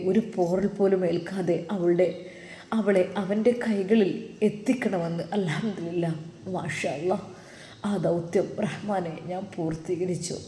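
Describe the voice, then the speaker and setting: A woman's voice: fairly low pitch, dark tone, natural voice. Woman voicing a sorrowful devout man. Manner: sorrowful inner monologue. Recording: echoey reverberant room.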